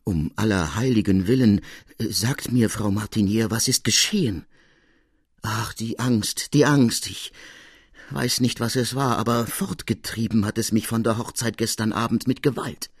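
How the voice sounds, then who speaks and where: A man's voice: lowish voice, normal speed, husky, no echo, clean studio sound. A man doing a shaken, agitated servant man. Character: honest, shaken male servant.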